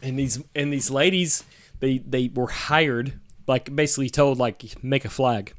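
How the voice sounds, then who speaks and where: A man's voice: mid-range voice, unhurried, no echo, clean studio sound. A man from Texas, co-hosting a casual podcast, swearing a lot and rambling with fillers. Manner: profane, rambling with many fillers. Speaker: podcast co-host. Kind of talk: casual crude banter.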